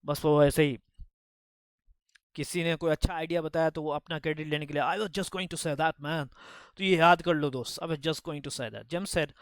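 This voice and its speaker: A man's voice: on the high side, clear, resonant tone, dry recording, studio quality. A man teaching spoken English, reading story lines aloud and explaining them phrase by phrase. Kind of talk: Hindi-language spoken English lesson.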